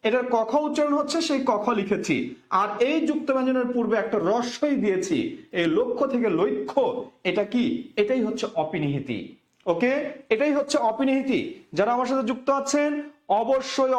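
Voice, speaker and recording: High-voiced man teaching in an echoey room. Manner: repeats key points, asks and answers his own questions. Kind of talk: exam revision lecture.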